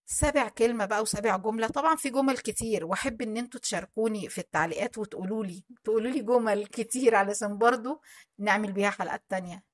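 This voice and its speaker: A woman's voice: mid-range voice, rapid-fire. A woman with an Egyptian Arabic accent giving earnest advice to viewers in a vlog, often restarting and hesitating mid-sentence. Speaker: channel host.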